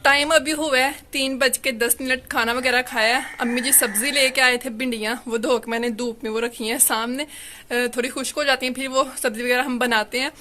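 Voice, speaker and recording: Young woman, rambling home vlog outside in the sun, slightly high voice, faint background sounds, phone mic. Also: steady tone, brisk, pushed and bright, a little hiss or hum. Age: young adult. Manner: rambling, chatty, leans on "you know" fillers. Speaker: family vlogger. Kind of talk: casual home vlog narration. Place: sunny home courtyard outdoors.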